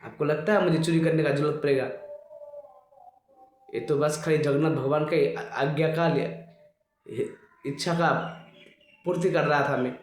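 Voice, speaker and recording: A man's voice: a little high, steady tone, unhurried, pauses often, natural voice. A man voicing a humble, fretful elderly male devotee who protests and pleads, recorded in an echoey room. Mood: earnest.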